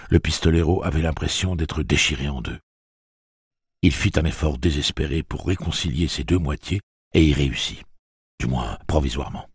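A man reading a novel aloud as audiobook narrator, in an expressive, dramatic way. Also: a bass voice, breathy edge, no echo, studio quality. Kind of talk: scripted narration.

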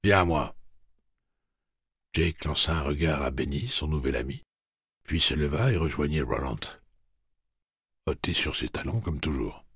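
Very deep, husky male narrator. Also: normal speed, no echo, studio quality. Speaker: audiobook narrator. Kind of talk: scripted narration.

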